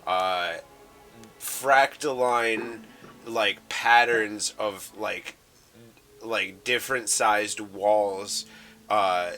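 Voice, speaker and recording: A man narrating a tabletop game as game master, halting and full of fillers as he describes the scene. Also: fairly low pitch, bright, forceful tone. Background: faint background music.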